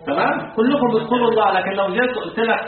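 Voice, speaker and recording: Recorded from a distance in an echoey hall, with thin, phone-like audio, a high-pitched male sheikh gives a religious lesson on creed. He lectures briskly, quizzes the class, and drops in colloquial remarks, but takes a slow, deliberate pace whenever he recites the text.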